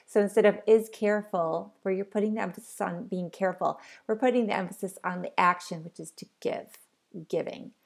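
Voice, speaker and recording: A woman's voice: medium pitch, fairly even intonation, brisk, creaky. A woman giving a recorded online lecture as a college English instructor, explaining in an unscripted way with many ums and uhs.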